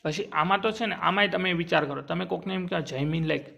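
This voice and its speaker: A man teaching an exam-prep grammar lesson, drawing sounds out slowly and asking and answering his own questions. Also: sits high, vocal fry, bright, forceful tone.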